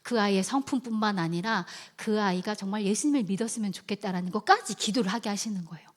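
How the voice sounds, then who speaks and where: Woman, mid-pitched, church testimony, expressive storyteller, long reverberant hall sound. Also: fast talker. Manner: lively storytelling, acting out quotes, dropping to hushed asides. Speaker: church member giving a testimony. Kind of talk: personal testimony at a worship service. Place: church sanctuary.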